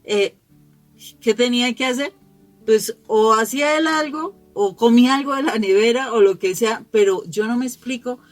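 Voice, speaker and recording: A woman's voice: on the high side, normal speed, no room sound, soft background music. A middle-aged woman gives a conversational gospel reflection for families. She tells personal stories, laughs often and restarts her phrases as she goes. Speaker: lay speaker giving a family gospel reflection.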